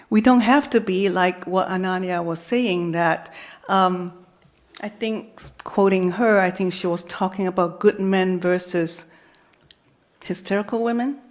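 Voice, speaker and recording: A mid-range voice belongs to a hesitant woman from Hong Kong making remarks as an academic conference panelist. In the conference hall she stammers and restarts.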